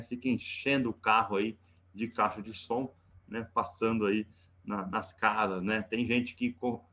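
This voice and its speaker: A man's voice: mid-range voice, fairly bright tone. A man with a Brazilian accent teaching a live online class, chatty and joking, ending nearly every phrase with a questioning "né?". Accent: Brazilian Portuguese. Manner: joking, teasing asides. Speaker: physics teacher.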